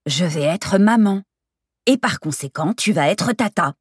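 A woman voicing a calm, expectant young woman friend who speaks slowly, deliberately and with gentle teasing in a storybook reading. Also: deep voice, slightly rough, no room sound, studio quality.

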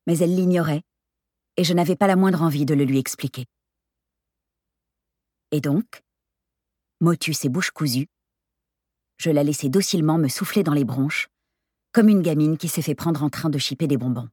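A woman reading a first-person novel aloud in a steady, expressive storytelling manner. Her voice is low and husky. The recording is close and dry, with no room sound. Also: moderate pace, pauses often, no echo. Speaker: narrator. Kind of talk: first-person audiobook narration.

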